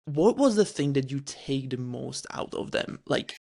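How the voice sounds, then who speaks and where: A man from the Czech Republic with a Czech accent, hosting a podcast interview and asking questions in a halting way with many restarts and fillers. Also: medium pitch, expressive, gravelly, mellow. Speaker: podcast host. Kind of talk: casual interview chat.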